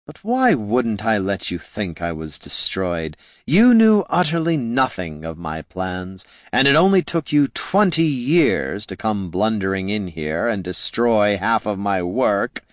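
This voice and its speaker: A man voicing an undead male lich wizard, speaking slowly in a hollow, scornful, condescending way. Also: sits low, big pitch swings, dry recording, clean studio sound, heavily acted. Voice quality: hollow, slow and drawn-out. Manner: condescending, dryly mocking.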